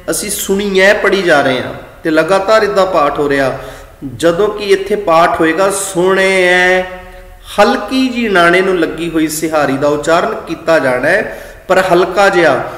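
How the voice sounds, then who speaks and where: A man with a Punjabi accent teaching scripture pronunciation, slow and deliberate, drawing out words and chanting lines in a sung tone. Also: on the high side, fairly bright tone. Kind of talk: slow religious teaching talk. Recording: echoey room with long reverb.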